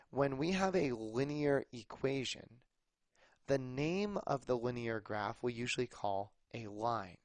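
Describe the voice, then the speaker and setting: A man's voice: medium pitch, dry recording. A man teaching a math lesson, explaining patiently in a conversational way with some fillers. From United States. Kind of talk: recorded classroom lesson.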